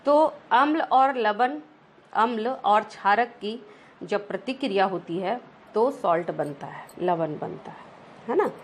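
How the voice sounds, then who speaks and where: A woman's voice: medium pitch, animated, slow pace, a little hiss or hum. A woman teaching a science lesson over slides, often checking in with rhetorical questions and mixing English terms into her explanations.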